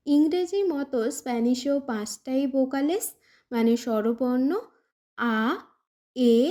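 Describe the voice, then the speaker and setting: A language teacher with a high, warm voice gives a slow, scripted pronunciation lesson in Bengali. She patiently says every example word twice.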